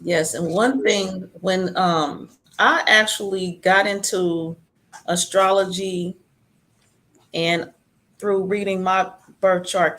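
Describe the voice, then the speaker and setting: A woman chatting casually, telling personal stories with a warm, conversational flow. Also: on the low side. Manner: chatty, storytelling.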